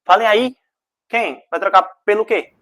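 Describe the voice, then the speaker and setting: A man's voice: high voice, a little slow. Slangy man teaching. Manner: energetic, slangy, jokey, checks in with students. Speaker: physics teacher. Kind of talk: informal online class.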